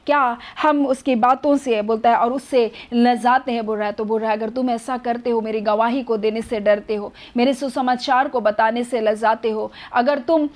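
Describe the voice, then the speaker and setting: A woman with a fairly high voice delivers a sermon. She talks earnestly and keeps posing rhetorical questions, then answers them herself. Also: fairly even intonation, normal speed, hardly any pauses. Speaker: preacher.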